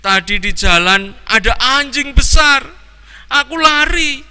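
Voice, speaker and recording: A man's voice: extremely high pitch, lively intonation, unhurried, pushed and bright, smooth, long reverb tail, voice pushed up, exaggerated voice. A man voicing a frightened little schoolboy who sobs and refuses to go out, in Javanese-influenced Indonesian. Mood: scared. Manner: wailing, sobbing.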